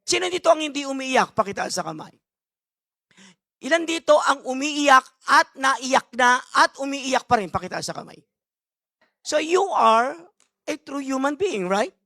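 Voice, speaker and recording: A man's voice: extremely high pitch, lively intonation, a little slow, pushed and bright, no echo, clean studio sound. A man preaching a sermon as a bishop, switching between Tagalog and English, stressing his points, asking the congregation questions and calling for amens, with joking asides. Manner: emphatic, asks the crowd rhetorical questions and calls for amens.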